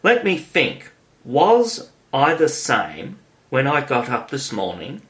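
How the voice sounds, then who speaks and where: A man's voice: medium pitch, huge pitch swings, slow, a bit bright, exaggerated voice. A man reading the part of a curious young girl who talks to herself in wonder. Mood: puzzled. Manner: musing aloud to herself.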